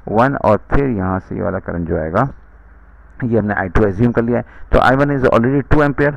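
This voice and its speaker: A man's voice: on the low side, normal speed, vocal fry, no echo. A man giving a recorded university lecture, talking students through a circuit problem with many uh fillers. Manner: code-switching into English, frequent uh fillers, direct address to students. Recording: dull lo-fi.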